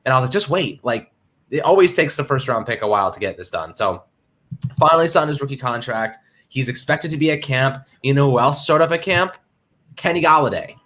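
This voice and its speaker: A man's voice: mid-range voice, animated, brisk, a bit bright. A man hosting a casual sports livestream, talking in hyped slang and greeting chat viewers by name. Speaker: livestream host.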